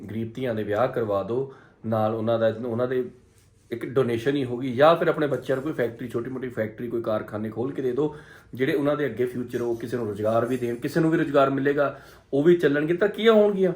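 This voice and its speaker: A man hosts a family vlog in an earnest, conversational voice of middling pitch. He talks casually, asks questions and often repeats a phrase to press it home. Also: quick pace, darkish tone. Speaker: vlog host.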